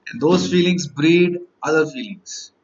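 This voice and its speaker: A man's voice: a little high, measured pace, lo-fi sound. A man, teaching exam candidates in a motivational lecture, stacking up rhetorical questions and repeated lists.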